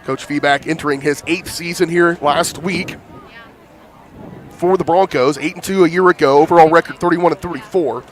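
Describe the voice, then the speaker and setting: Husky man calling football, smoker's rasp. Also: fairly high pitch, moderate pace, a little hiss or hum. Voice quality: thick, husky smoker's rasp from hay fever. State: congested from hay fever. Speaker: play-by-play announcer. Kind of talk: live high school football commentary with sponsor reads. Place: outdoor football stadium broadcast.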